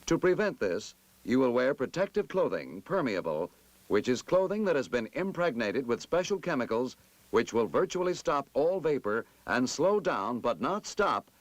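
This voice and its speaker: A man narrates a scripted military instructional film from the 1960s, delivering it in a formal, emphatic and measured manner. His voice sits in the mid-range, and the recording is dry.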